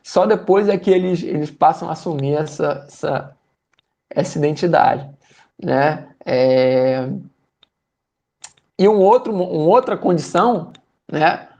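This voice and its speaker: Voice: mid-range voice, expressive, unhurried, pauses often, a little mellow. A speaker with a Brazilian accent summarizing a book for a study group, hesitant, with many fillers and repeated words.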